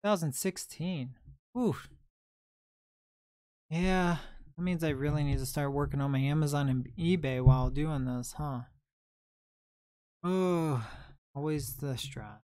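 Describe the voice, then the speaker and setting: A man's voice: a little high, measured pace, pauses often, darkish tone, no echo, clean studio sound. A man in his twenties hosting a casual livestream, chatting and answering viewer comments as they come in. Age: 20s. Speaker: livestream host and reseller.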